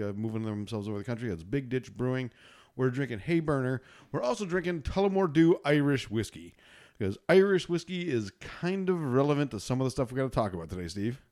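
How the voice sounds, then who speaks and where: A man of middle pitch co-hosts a laid-back talk show. He rambles along with plenty of ums and uhs and keeps the chat loose. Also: darkish tone. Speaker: podcast co-host. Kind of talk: casual chat.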